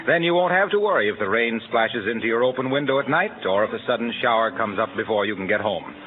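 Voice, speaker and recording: Over narrow-band vintage radio with faint music in the background, a male 1940s radio announcer reads scripted introductions and sponsor copy, polished and salesmanlike. He talks fast, with a mid-range voice and lively intonation.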